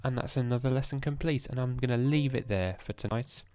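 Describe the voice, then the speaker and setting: Hushed, tired man at a quiet desk. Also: mid-range voice, fairly quick, smooth, no room sound. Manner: hushed and tired, thinking aloud. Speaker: language learner vlogger. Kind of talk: casual screen-recorded vlog.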